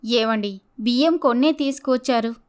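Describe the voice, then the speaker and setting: A woman's voice: fairly high pitch, moderate pace, clean tone, lightly acted. A woman voicing a young wife in a storybook, pleading and reproachful with her husband. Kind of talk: storybook voice acting.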